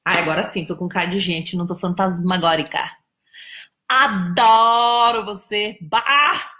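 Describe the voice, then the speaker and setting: Teasing, bright-voiced Brazilian woman host. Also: lowish voice, brisk, roomy sound. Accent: Brazilian Portuguese. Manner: chatty, teasing, greets viewers by name. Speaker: live stream host. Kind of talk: casual live chat with viewers. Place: indoors, home in São Paulo.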